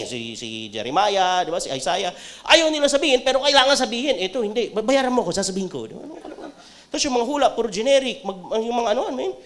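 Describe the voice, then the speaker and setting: Filipino male pastor, high lively voice with wide swings, comic and fervent sermon delivery. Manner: animated, jokey preaching that swings between loud outbursts and quiet talk.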